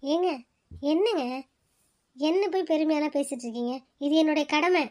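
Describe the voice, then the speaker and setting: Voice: sits high, normal speed, lightly acted. ஒரு குரல் நடிகர் அன்பான, அமைதியான இளம் மனைவியாக, ஆறுதலாகப் பேசுகிறார். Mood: soothing. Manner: soothing, gentle. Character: kind, calm young wife, gentle and selfless.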